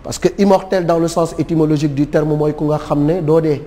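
A middle-aged man, a guest on a TV talk show, speaking in a measured, solemn way and mixing French with Wolof. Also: on the high side, steady tone, mellow, big-room sound. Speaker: studio guest. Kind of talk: formal tribute speech. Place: TV studio set.

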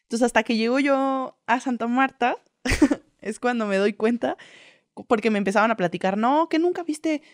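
A woman's voice: on the high side, fairly even intonation, normal speed, dry recording. Young mexican woman rambling through a story, lots of slang, dead dry audio. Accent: Mexican Spanish. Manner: chatty, lots of slang and filler tags. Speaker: guest. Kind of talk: casual interview storytelling.

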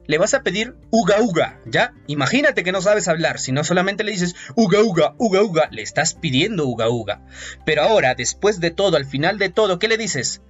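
Guy teaching biology, voice jumps all over, kinda high, muffled audio w/ faint music. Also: a little fast, breathy edge. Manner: lively, playful, asks students questions. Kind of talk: animated lecture with mnemonics.

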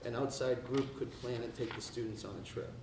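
Man, board member, even and methodical; distant roomy recording, steady hiss. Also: mid-range voice. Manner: measured, lays out points in turn. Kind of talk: meeting discussion. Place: meeting room. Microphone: far room mic. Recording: echoey, distant, hissy.

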